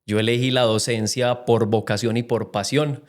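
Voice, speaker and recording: A young Colombian man from Medellín, a guest on a podcast, tells his story with an earnest, reflective manner. His voice sits at a middling pitch and his delivery stays conversational. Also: flat delivery, normal speed. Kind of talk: casual interview chat.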